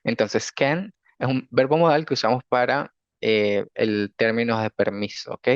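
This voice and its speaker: A man teaching an English class, explaining patiently and often checking that students follow, reading example sentences slowly. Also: medium pitch, fairly even intonation, dry recording. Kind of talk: recorded class lecture. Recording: dull lo-fi dry recording.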